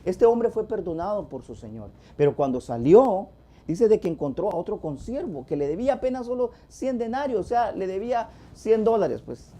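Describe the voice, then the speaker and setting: Church tv guy retelling a parable, real dark husky voice, earnest and emphatic. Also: sits high, expressive, normal speed. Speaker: church TV co-host. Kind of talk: devotional talk retelling a parable.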